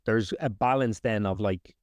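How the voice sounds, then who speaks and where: A man hosting a filmmaking podcast, asking measured, thoughtful questions. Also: on the low side, dry recording, clean studio sound. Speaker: podcast host, writer-director. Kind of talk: interview questions.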